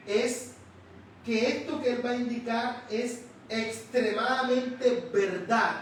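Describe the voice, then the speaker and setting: Slow, emphatic high-voiced male preacher. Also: fairly bright tone, slight background noise. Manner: slow, emphatic, drawing out key words. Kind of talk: sermon. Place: church sanctuary. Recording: echoey church hall, distant mic.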